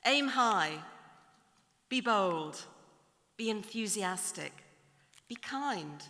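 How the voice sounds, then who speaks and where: A middle-aged woman giving a formal, measured graduation address from a podium, building her points through lists and repetition in a large ceremony hall. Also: medium pitch, expressive, pushed and bright. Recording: long hall reverb in a large hall.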